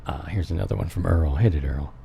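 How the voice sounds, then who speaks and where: A man's voice: low voice, quick pace, gravelly, dark tone, slight background noise. A man hosting a show, chatting casually and informally. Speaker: show host. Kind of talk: casual chat.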